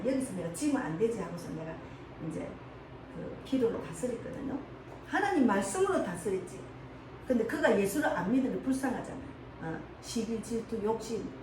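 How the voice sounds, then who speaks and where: Casting: woman pastor, Gyeongsang Korean accent, high lively voice, echoey church from afar. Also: a little hiss or hum. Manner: emotional, animated storytelling with laughs. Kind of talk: sermon with personal story. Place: church sanctuary. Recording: echoey hall, mic far off.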